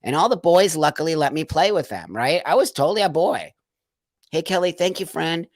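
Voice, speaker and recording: A man's voice: a little high, lively intonation, a little fast, no room sound. A man hosting a casual live stream, reading out viewer comments and answering them in an emphatic, emotional way, often repeating phrases for stress.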